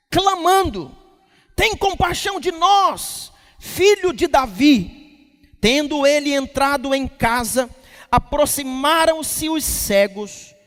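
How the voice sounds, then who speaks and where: A male pastor preaching a lively sermon at a church service, quizzing the congregation and breaking into shouts. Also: very high voice. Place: church service in a large hall. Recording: long hall reverb from the church.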